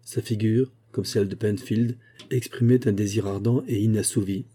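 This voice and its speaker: A man reading a classic novel aloud as an audiobook narrator, measured and expressive. His voice is low and very dark, with a husky grain. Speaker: audiobook reader.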